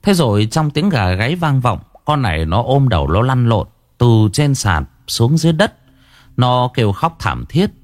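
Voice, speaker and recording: A man narrating a first-person ghost story in an expressive storytelling manner. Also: medium pitch, moderate pace, no room sound, clean studio sound.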